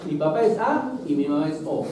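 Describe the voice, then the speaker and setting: Male biology teacher, high-ish voice, patient step-by-step lecturing; recorded from afar in a booming, noisy classroom. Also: very animated, a little fast. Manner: explanatory, keeps checking in with "¿no es cierto?". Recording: very echoey noisy classroom, far mic.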